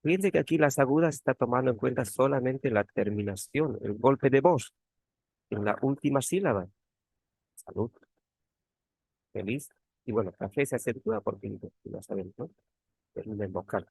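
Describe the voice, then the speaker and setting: A man's voice: mid-range voice, normal speed, gravelly, long pauses, a little mellow, breathy edge, no echo. A man teaching an online grammar class as a teaching assistant, repeating key words and asking tag questions. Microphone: computer mic on a video call.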